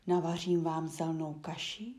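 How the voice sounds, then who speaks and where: A woman's voice: deep voice, mellow, natural voice. A woman whispering as a caring mother goat. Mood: instructing. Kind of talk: whispered role-play.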